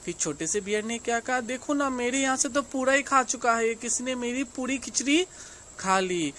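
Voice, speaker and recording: Line by line, this Indian English-accented teacher reads a storybook slowly in English and explains it in Hindi for her young class. She has a slightly high, somewhat bright voice, with a bit of background noise.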